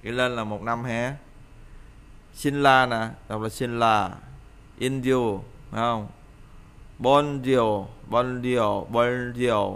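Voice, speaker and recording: A man's voice: medium pitch, steady tone, slow pace, fairly bright tone, smooth. A man teaching a pronunciation lesson, explaining each point and repeating example words for the listener to drill, with frequent hesitant fillers.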